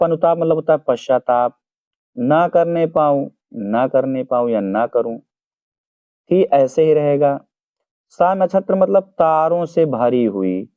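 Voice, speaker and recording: Hindi teacher dictating meanings, phone-like sound. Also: male voice, fairly high pitch, dry recording. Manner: slow, repeats each meaning for dictation. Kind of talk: explaining poem word by word. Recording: dry, phone-like narrow sound.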